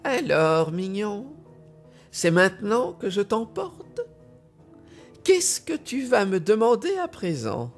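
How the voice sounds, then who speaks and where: Storybook role: a spiteful old witch, high and shrieking, with wild swoops, as a male reader puts her on. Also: sing-song, slow, soft background music, exaggerated voice. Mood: mocking. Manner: screeching, raging. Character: wicked old female witch, spiteful and shrill.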